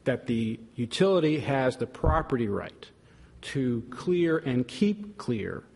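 An American man, a lawyer giving a measured, explanatory oral argument in court. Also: medium pitch, big pitch swings, vocal fry, a little mellow, breathy edge. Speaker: lawyer for a utility company. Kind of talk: formal but conversational oral argument. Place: large indoor courtroom. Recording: reverberant courtroom hall.

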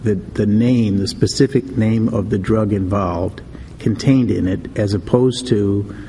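Dark-voiced male judge, reverberant room. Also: fairly low pitch, steady tone, unhurried. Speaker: judge questioning counsel. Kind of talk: formal questioning from the bench. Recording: reverberant courtroom with faint noise.

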